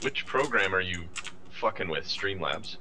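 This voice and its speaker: A man's voice: sits low, animated, unhurried, sharp tone, slight background noise, rough recording. A man talking casually with a streamer friend on voice chat, blunt, teasing and profane.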